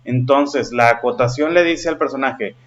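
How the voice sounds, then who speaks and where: A man's voice: mid-range voice, normal speed. A man teaching a lesson patiently and often checking in with his listeners, in a slightly dull recording. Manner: patient, checks in with frequent questions. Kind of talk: explaining a lesson.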